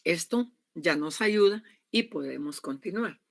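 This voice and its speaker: A woman's voice: lowish voice, animated, a little slow, gravelly, no echo. Woman, university lecturer, emphatic classroom delivery, checks that students follow, dry close sound. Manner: emphatic, keeps asking "¿verdad?" to check understanding.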